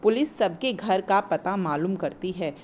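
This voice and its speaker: A woman's voice: mid-range voice, animated, measured pace, darkish tone, slight background noise, natural voice. A woman reading as a clever crow. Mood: planning. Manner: read aloud plainly from the play. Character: clever helpful crow in a children's play.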